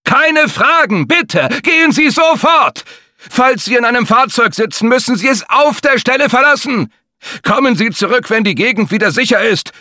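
A man voicing a male official on a motorbike who shouts urgent orders to evacuate. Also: extremely high pitch, expressive, moderate pace, no echo, studio quality, voice pushed up, heavily acted. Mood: commanding, urgent.

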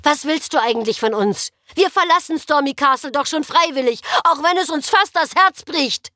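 A woman's voice: fairly high pitch, big pitch swings, normal speed, a bit bright, no echo, studio quality. A woman voicing a ghost boy of about ten in an audiobook, curt and easily offended. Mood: snapping. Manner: curt, indignant. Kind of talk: audiobook character voice.

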